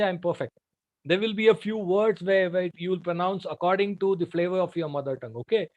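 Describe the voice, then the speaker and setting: Higher-voiced Indian man giving a lesson. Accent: Indian English. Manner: shifts volume and pace to demonstrate. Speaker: trainer. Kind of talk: classroom lecture.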